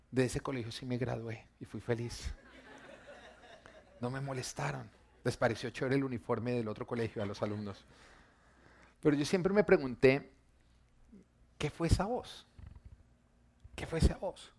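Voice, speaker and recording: A man preaches, talking in a relaxed, chatty way as he weaves personal stories into his sermon. His voice sits in a middle register for a man, and he drops it soft and quiet when the moment turns tender. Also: medium pitch. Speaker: pastor.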